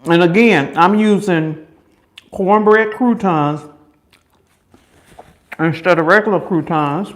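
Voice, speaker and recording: Higher-voiced American man chatting while eating. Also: moderate pace, fairly bright tone. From Chicago, United States. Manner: talking while eating, chewing between phrases; folksy, emphatic repetition. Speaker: host of an eating show. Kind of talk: casual mukbang chat.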